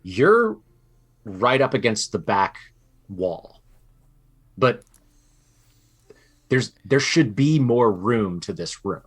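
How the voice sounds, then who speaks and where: A man with a low voice narrates a tabletop adventure as game master, slowly and deliberately. He stops often for ums and restarts while he works out the scene. He sounds like he is on a home microphone in an online session. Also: big pitch swings, a bit bright, husky. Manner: halting, lots of ums and restarts.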